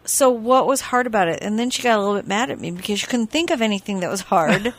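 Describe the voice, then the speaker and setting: A woman co-hosting a casual radio show, telling stories in a chatty, animated way and often breaking into giggles. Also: medium pitch, quick pace.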